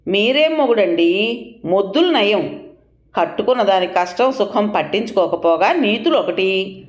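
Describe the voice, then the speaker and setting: A woman's voice: mid-range voice, expressive, normal speed, voice pushed up, close to an everyday voice. Scolding wife, all sarcasm, voice jumps up and down a lot, woman reading it out, echoey room. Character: sharp-tongued middle-aged wife, quarrelsome and scornful.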